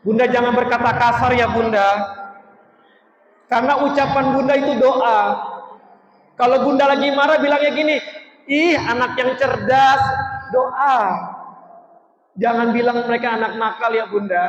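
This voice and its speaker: A high-pitched male storyteller preaching earnestly to children, urging them along with heartfelt pleas. His voice rings through a large echoey hall with a long reverb, and the sound is muffled. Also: steady tone, a little fast, long pauses, slight background noise. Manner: earnest, coaxing, urges children to stand and act. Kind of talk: emotional religious talk to children. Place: large echoing mosque hall.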